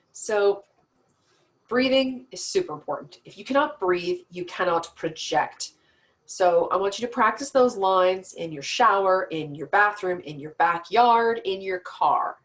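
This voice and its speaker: A woman teaching an online storytelling class in a chatty, practical way, with self-deprecating asides. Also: fairly low pitch.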